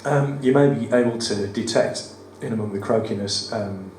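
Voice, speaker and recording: At a studio theatre cabaret night, a performance poet reads his poems aloud, his croaky, slightly mellow voice pitched on the low side, with a West Midlands accent and normal speed, and his banter wry and self-deprecating. The mic is distant, so the roomy live venue's room noise and the audience ambience are audible.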